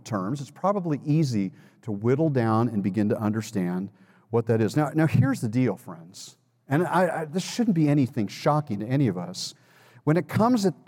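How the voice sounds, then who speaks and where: A man's voice: mid-range voice, darkish tone. Earnest male pastor in a reverberant hall. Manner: earnest, repeats words, asks the congregation to respond. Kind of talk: sermon.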